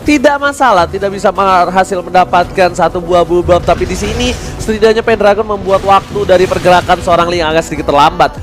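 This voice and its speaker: A very high-voiced man works as an esports shoutcaster in a hyped fighting game announcer manner. He calls the play at a fast clip and drops in English phrases, with music behind him. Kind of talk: fast excited game commentary.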